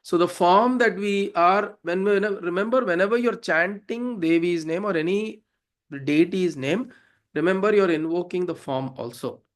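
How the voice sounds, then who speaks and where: Explaining devotional Sanskrit verses as a teacher, this South Indian-accented man keeps an informal, instructive tone and regularly checks that listeners follow. He talks at normal speed in a voice that sits high.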